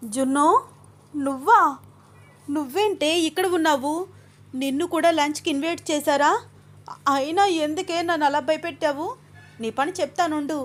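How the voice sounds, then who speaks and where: A woman voicing a lively young woman who exclaims and protests in a raised, animated voice. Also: sits high, moderate pace, long pauses, voice pushed up, natural voice. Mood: indignant.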